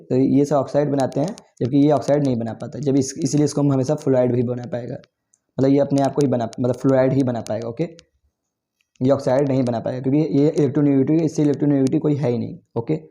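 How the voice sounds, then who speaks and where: Male tutor, quick and gravelly, dark tone, repeats himself and corrects slips. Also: mid-range voice, fairly even intonation. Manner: repetitive, self-correcting explanation with frequent 'theek' and 'okay'. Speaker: chemistry tutor. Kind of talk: exam-prep lecture.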